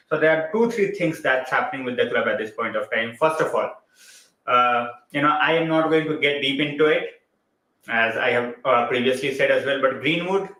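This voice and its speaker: A man's voice: medium pitch, pushed and bright, roomy sound, rough recording. A man with an Indian English accent hosting a casual football live stream, chatting loosely, slipping into Hindi and greeting viewers by name.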